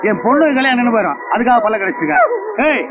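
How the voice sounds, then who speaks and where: An actor playing a domineering middle-aged father who shouts threats at his wife and daughters. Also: extremely high pitch, big pitch swings, very fast, very noisy. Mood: menacing. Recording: phone-like band with loud film music.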